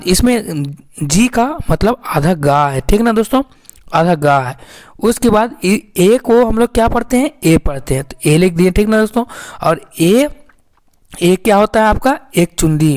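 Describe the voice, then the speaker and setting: A woman teaching English phonics. She explains slowly, step by step, asks her own questions and answers them, and keeps checking in with viewers. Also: mid-range voice, darkish tone.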